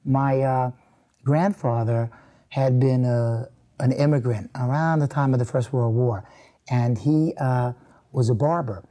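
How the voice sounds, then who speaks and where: Older American man reminiscing haltingly. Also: medium pitch, fairly even intonation, mellow. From born in England, raised in the US. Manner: rambling, halting reminiscence with many restarts. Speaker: interviewee, retired teacher. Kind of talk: oral history interview.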